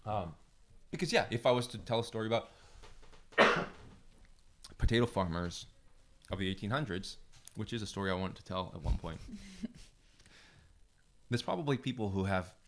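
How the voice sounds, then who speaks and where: A man guesting on a podcast, his voice sitting low. He speaks in a reflective, searching way, stumbling over a word now and then as he thinks. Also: expressive, normal speed, long pauses, a bit bright, a little hiss or hum. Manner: reflective, thoughtful, stammers a little. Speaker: filmmaker guest. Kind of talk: casual interview conversation.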